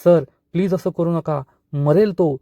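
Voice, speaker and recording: A man voicing a gentle young woman who pleads and tries to calm someone down. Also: on the high side, measured pace, dry recording, clean studio sound. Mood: pleading. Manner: pleading, soothing.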